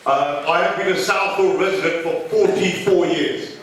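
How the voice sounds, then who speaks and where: A man's voice: fairly high pitch, moderate pace, recorded from a distance, crowd noise. Emotional man in an echoey hall. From London, England. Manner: emotional, pleading, rising to shouting. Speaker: local resident speaking at a public meeting. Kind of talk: impassioned public appeal. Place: large hall.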